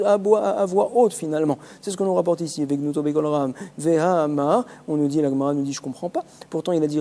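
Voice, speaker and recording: A man with a French accent teaching a word-by-word Talmud lesson, explaining the text quickly and mixing in Hebrew and Aramaic terms. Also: on the high side, dark tone, long reverb tail.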